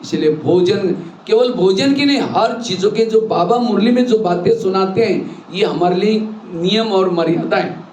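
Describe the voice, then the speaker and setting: A man's voice: high-pitched, normal speed, darkish tone. A man teaching a spiritual class, explaining rules with everyday examples and rhetorical questions. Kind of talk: sermon to a class. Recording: echoey hall with faint noise.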